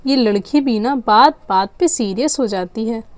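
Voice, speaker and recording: High-voiced woman telling a doll story. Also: a little slow, no echo. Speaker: storyteller voicing all dolls.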